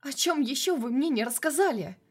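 Woman voicing a high-strung frightened young woman. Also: measured pace, a little mellow. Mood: hysterical. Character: frightened, hot-tempered young woman driver.

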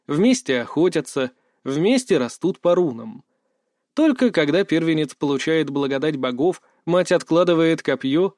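A man reading a first-person fantasy audiobook aloud, with measured pacing and lively rises in pitch. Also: dry recording, clean studio sound. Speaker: audiobook narrator.

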